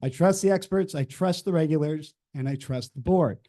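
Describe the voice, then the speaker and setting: A man delivering a public comment at a board meeting in a firm, emphatic way. His voice sits a little high and sounds mellow and warm. He speaks like a prepared statement. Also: fairly quick. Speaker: public commenter, parent and engineer.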